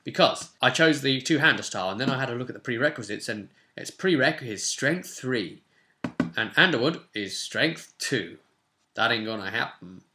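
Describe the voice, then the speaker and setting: Animated and forceful, a tabletop roleplay channel host in his twenties talks through game rules in a casual way and reads bits aloud. He speaks at a moderate pace in a bright, mid-range voice, recorded at a desk in a small room at home.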